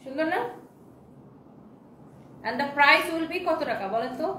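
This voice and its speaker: A woman from Bangladesh selling sarees on a live stream reads her viewers' comments aloud with enthusiastic, chatty patter. Her voice is high, bright, and forceful, yet she takes it slowly. There's a roomy echo plus a slight hiss or hum.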